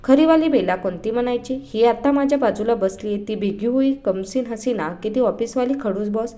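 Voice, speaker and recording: A woman's voice: a little high, normal speed, dark tone, voice pushed up, natural voice. A woman reading as a teasing young man.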